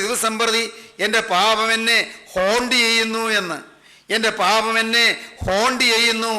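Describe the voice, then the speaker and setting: A man's voice: sits high, sharp tone. A man preaching a sermon, firing off long chains of repeated rhetorical questions and calling his listeners son and daughter.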